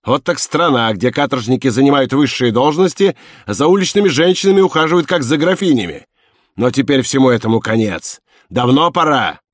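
A man voicing a harsh, bullying middle-aged police inspector who shouts and scoffs in an audiobook reading. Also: medium pitch, a little fast, no room sound, clean studio sound, pitched above the performer's own voice, natural voice. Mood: scornful. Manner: shouting, scornful, barking.

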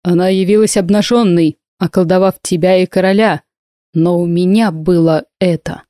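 A woman's voice: fairly low pitch, fairly even intonation, moderate pace, warm tone, no echo, studio quality, natural voice. A woman reading the lines of a fierce male warrior who harshly accuses a witch, in an audiobook. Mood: menacing.

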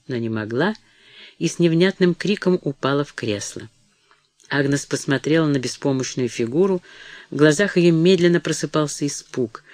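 A man narrating an audiobook in a steady, measured reading voice. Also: a little high, no room sound.

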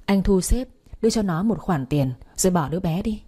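A woman voicing a betrayed wife who shouts demands at her husband, reading a story aloud. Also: lowish voice, animated, a little fast, slightly rough. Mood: forced calm. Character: betrayed wife, furious and desperate.

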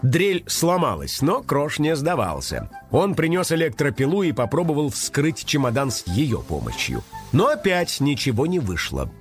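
A man narrating a children's story in an expressive, animated manner, over faint background music. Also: a little high, normal speed. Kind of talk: storybook reading.

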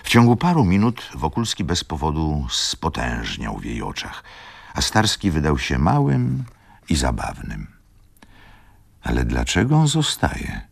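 A man narrating a classic novel for radio, with a very deep, gravelly voice. His reading is theatrical and lively in pitch. The sound is dry and close. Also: unhurried. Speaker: reader.

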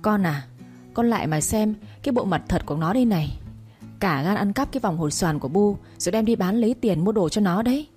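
A woman's voice: expressive, fairly quick, darkish tone, soft background music, close to an everyday voice. A woman voicing a cruel, domineering older matriarch who scolds and sneers in a storybook reading. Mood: indignant. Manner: scolding, shrill and scornful.

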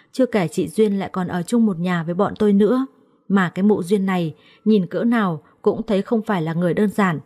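A woman narrating a first-person story in a steady, emotional way. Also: medium pitch.

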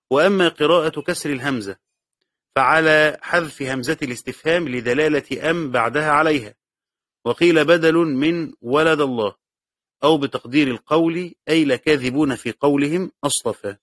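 A man's voice: fairly high pitch, normal speed, long pauses, a bit bright, no room sound, clean studio sound. A man with an Egyptian accent teaching a class. He reads a passage aloud, then explains it and repeats the key words. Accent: Egyptian Arabic. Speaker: teacher of Quran commentary. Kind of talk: classroom lecture reading and explaining a text.

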